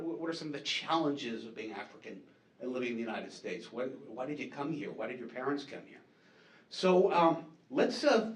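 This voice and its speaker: Heard from a distance in an echoey conference hall, a fairly high-pitched man with a New Hampshire accent presents on market research. His talk is casual and chatty, self-deprecating, and peppered with fillers and repetitions.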